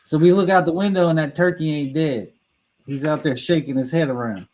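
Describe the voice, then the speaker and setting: A man's voice: fairly high pitch, a little fast, darkish tone, poor audio. A middle-aged man with a slightly raised voice tells a long, crude story among friends. He rambles, trips over his words and keeps laughing at his own punchlines. The talk is loose and full of cursing. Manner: restarts and stumbles mid-sentence. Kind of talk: casual profane storytelling.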